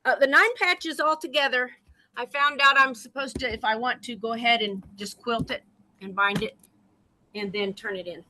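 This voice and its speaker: Bright high-pitched woman showing her quilting. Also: moderate pace, low-quality recording. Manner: upbeat show-and-tell. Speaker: quilt guild member. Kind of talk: casual chat.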